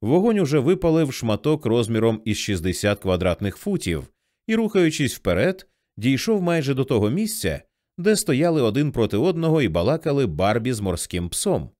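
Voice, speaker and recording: Male audiobook narrator, mid pitch, lively expressive read, dry close mic. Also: moderate pace, no echo. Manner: vivid, expressive storytelling.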